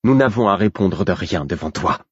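A man's voice: low-pitched, expressive, moderate pace, breathy edge, no room sound. A man voicing a haughty, cold young woman apprentice who speaks dismissively, in a slightly dull recording.

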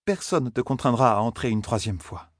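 A man voicing a calm, stern older woman mentor in an audiobook, speaking with measured counsel. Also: medium pitch, no echo, clean studio sound, pitched above the performer's own voice, close to an everyday voice. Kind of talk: audiobook character voice.

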